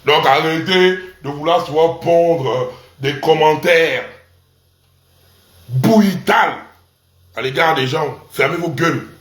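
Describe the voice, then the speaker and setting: A man's voice: on the high side, slow, reverberant. A man delivering a crude, provocative rant that mocks his audience and repeats syllables for emphasis. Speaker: online commentator. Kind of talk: mocking rant to camera.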